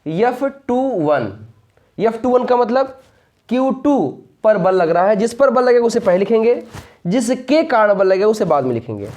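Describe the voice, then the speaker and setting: A man's voice: sits high, very animated, normal speed, a little mellow. A man teaching a lesson, who poses rhetorical questions and answers them, repeats key points and keeps checking that students follow. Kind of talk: explaining a physics lesson.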